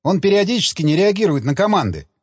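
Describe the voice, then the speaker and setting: A man reading an audiobook, voicing a nervous male engineer who talks in a high, frantic, near-squealing way, in a slightly muffled dry recording. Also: very animated, fast talker, slightly rough, dry recording, heavily acted. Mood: tense.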